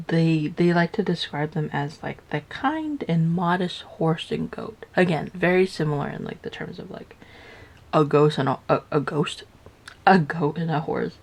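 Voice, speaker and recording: A young woman casually retelling a story while building Legos, rambling with lots of filler words and high, playful voices for the characters. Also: gravelly. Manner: rambling, filler-heavy, with "like" everywhere. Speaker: vlogger.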